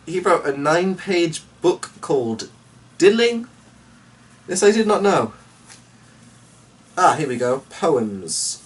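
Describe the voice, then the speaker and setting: Speaking slowly with long pauses, this man's fairly high, very animated voice carries a muttering, distracted, mildly exasperated quality. He hosts a casual vlog and rambles to his viewers. Faint background noise and a distant mic mark the recording.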